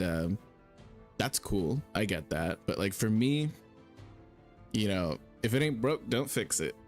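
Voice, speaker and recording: A man improvising and narrating casually in a tabletop role-playing game, in a rambling, halting, slangy way. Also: lowish voice. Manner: rambling, halting, slangy, calls people brother. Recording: music playing behind the voice. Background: music.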